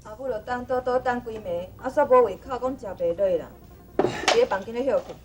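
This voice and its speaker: An actress playing a worried young mother whose boy has gone missing, talking in a quick, anxious, pleading way. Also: fairly high pitch, loud music behind the voice, close to an everyday voice.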